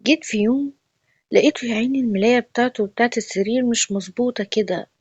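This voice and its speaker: A woman's voice: fairly high pitch, very fast, a little mellow, slightly rough, dry recording. A woman with an Egyptian Arabic accent telling a personal family story in a chatty, confiding, emotional way. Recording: dull lo-fi dry recording.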